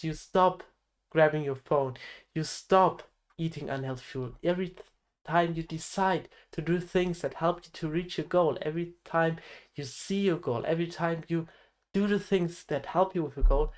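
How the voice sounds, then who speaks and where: Earnest teenage man giving advice. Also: fairly high pitch. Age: teens. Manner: earnest, direct advice to the viewer. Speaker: health coach. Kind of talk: motivational vlog monologue.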